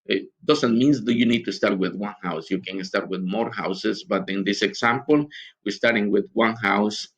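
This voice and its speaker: A man from Guatemala, a missionary giving a recorded conference teaching talk in an earnest, halting way with many pauses. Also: fairly low pitch, fairly even intonation, dull audio.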